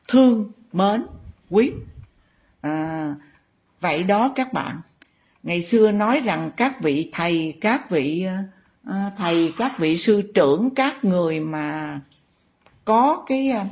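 A woman spiritual teacher, telling a story to her followers in a halting way with many fillers. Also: lowish voice, husky.

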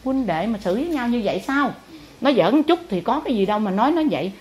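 A woman's voice: on the high side, animated, fast, a little mellow. A woman with a Southern Vietnamese accent, a spiritual teacher telling her followers a dramatic story with emphatic delivery. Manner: emphatic, dramatic retelling with acted-out quotes.

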